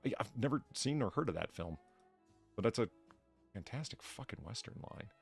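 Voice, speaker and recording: A man's voice: medium pitch, lively intonation, fairly quick, vocal fry, breathy edge, faint music behind. A man hosting a casual livestream podcast, reading out donations and rambling profanely between topics.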